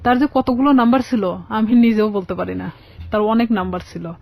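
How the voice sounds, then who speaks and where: As a radio guest, a woman tells her personal story conversationally, often quoting both sides of conversations. She speaks fairly quickly with a fairly high pitch and vocal fry. There is no echo, and the lo-fi radio audio is slightly dull.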